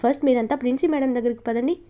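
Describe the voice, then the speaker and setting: A woman's voice: high voice, fairly even intonation, racing, dark tone, natural voice. A woman voicing a stern female schoolteacher who scolds the children in a storybook reading. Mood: scolding. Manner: scolding, disbelieving.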